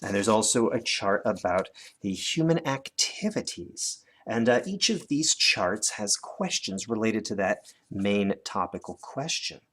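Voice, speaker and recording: An unhurried teacher with a lowish, animated, slightly bright voice speaks with few pauses and a North American accent. At an indoor desk, filmed from above, he demonstrates for children and steers the lesson conversationally by asking them questions.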